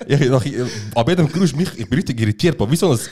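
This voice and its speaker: A man's voice: mid-range voice, rapid-fire, slightly rough. A young man with a Swiss German accent, co-hosting a casual podcast chat and telling stories with lots of laughter and slang. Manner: laughing, animated storytelling with slang. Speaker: podcast co-host.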